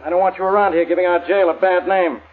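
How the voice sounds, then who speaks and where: Grumpy, husky police inspector. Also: male voice, sits high, level tone, fast. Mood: suspicious. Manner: gruff, suspicious, barking orders. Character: grumpy, blustering male police inspector, easily needled. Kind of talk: 1940s radio detective drama acting. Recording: muffled tinny old radio recording.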